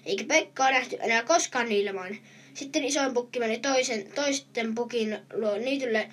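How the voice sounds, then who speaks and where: Husky woman reading a fairy tale. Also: fairly high pitch, a bit bright, distant mic. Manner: plain read-aloud with small restarts. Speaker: storyteller.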